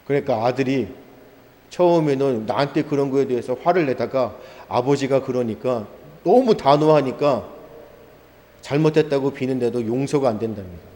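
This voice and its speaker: A male pastor preaching a sermon, firing off rhetorical questions and answering them himself, swinging between loud emphatic lines and quiet low ones. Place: church sanctuary. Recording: church hall reverb.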